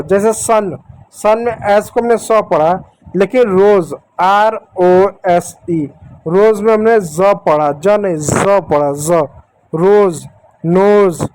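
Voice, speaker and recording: A man teaches children English letter sounds. He goes slowly and patiently, repeating each sound and calling the kids to follow along. The recording is close and dry, with no room echo. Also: high-pitched, a little mellow. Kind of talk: explanatory lesson.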